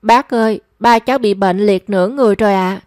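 A woman's voice: mid-range voice, fairly quick, darkish tone, no room sound, clean studio sound, close to an everyday voice. A woman voicing a remorseful young woman who pleads with her family. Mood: pleading. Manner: pleading and emotional. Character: young daughter, remorseful and anxious.

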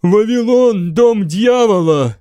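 A man's voice: sits high, animated, slow pace, darkish tone, no room sound, dull audio, voice pushed up, exaggerated voice. A man voicing a blind, raving monk who wails and chants fanatical accusations. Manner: shrieking, wailing chant.

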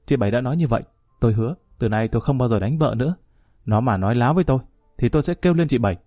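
A man's voice: mid-range voice, animated, rapid-fire, mellow, dry recording, studio quality, soft background music, close to an everyday voice. A man voicing a sheepish young village husband who complains defensively about his nagging wife. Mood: grumbling.

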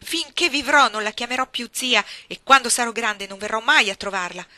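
A woman's voice: sits high, fairly even intonation, moderate pace, pushed and bright, dry recording, pitched above the performer's own voice. Woman doing a furious defiant young girl. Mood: indignant. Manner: passionate, outraged outbursts.

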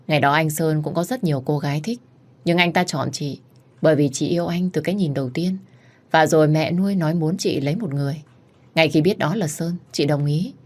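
A woman voicing a calm, calculating female rival who speaks in a confiding tone in a storybook. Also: deep voice.

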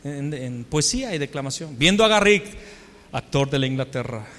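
A man's voice: medium pitch, lively intonation, moderate pace, a bit bright. A man with a Mexican accent preaching a storytelling sermon, full of rhetorical questions and self-mocking humor. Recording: long hall reverb.

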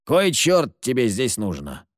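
Ворчливый больной незнакомец, насмешливый и грубый, сыплющий испанскими ругательствами, которого озвучивает мужчина-чтец. Живая, подвижная интонация, сухой звук без эха. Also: male voice, medium pitch, wildly swooping pitch, measured pace, dry recording, clean studio sound. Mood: sardonic. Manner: gruff, scornful, curses with Spanish words. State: ill, coughing. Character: sickly, sardonic grown man lurking in the dark.

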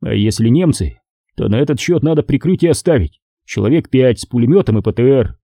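A man's voice: mid-range voice, expressive, brisk, warm tone, no room sound, clean studio sound. A man playing a firm sergeant, Fomichyov. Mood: firm command. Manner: curt, authoritative.

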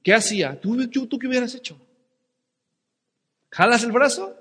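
Dramatic preacher in a reverberant hall. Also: male voice, very high voice, animated, moderate pace, breathy edge. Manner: dramatic storyteller, shouting and whispering for effect. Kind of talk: sermon with personal story.

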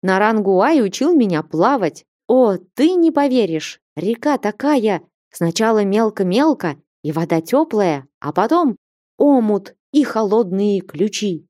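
A woman voicing a boy who swings from eager chatter to outraged shouting, in a high voice for an audiobook. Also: very animated, measured pace, no echo, studio quality. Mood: excited. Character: excitable boy, then furious anguished teen.

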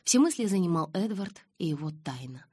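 A woman's voice: on the low side, sing-song, brisk, warm tone, slightly rough, no echo, clean studio sound. A woman narrating an audiobook in the first person and reading the dialogue lines herself.

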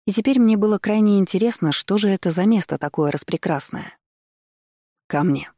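A woman's voice: mid-range voice, fast talker, dark tone, dry recording. A young woman narrating a first-person audiobook in a wry, mocking tone, recorded on a close studio mic.

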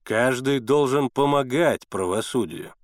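A man's voice: mid-range voice, big pitch swings, unhurried, no echo, studio quality. A man voicing a sly, mocking adult male boatman in a sneering, reproachful manner for an audiobook. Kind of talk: audiobook character voice.

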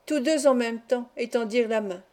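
An audiobook reader, a woman, narrates a novel in a calm and measured manner. Her voice is a little high, warm, and mellow.

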